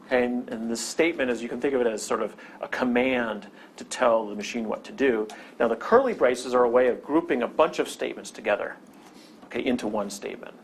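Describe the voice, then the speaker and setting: Over a screen recording, this man walks through a programming lesson one step at a time, frequently asking "okay?" and restarting as he explains. He speaks a little fast in a medium-pitched voice, with slight background noise.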